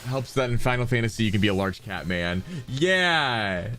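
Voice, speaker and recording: A man streaming a video game, chatting casually with his viewers in an excitable, rambling way full of asides. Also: lowish voice, normal speed, soft background music. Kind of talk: casual gameplay chat with viewers.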